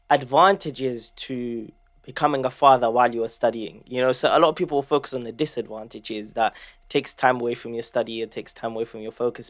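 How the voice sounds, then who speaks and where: Man asking slow, considered questions. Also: medium pitch. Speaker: podcast host. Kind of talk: interview questions.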